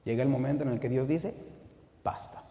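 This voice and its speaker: A man preaching with fire, his voice climbing into shouted rebukes and then sinking to quiet, heavy warnings. He sits at an ordinary middle pitch. The sound rings out through a large, reverberant hall. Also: a little fast, slight background noise. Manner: impassioned preaching, swinging from shouting to low intensity. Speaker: pastor. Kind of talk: sermon. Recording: echoey hall with long reverb.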